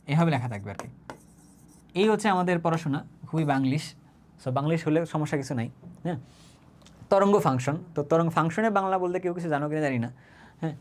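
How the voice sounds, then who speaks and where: Rapid-fire chemistry teacher, man. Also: a little high, a little hiss or hum. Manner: conversational, often checks understanding with quick tag questions; mixes English words into his talk. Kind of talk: online class lecture.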